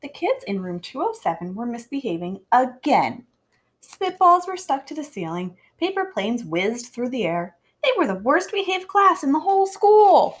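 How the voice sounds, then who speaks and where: A woman with a high, animated voice reads a storybook aloud at normal speed, giving children expressive read-aloud narration.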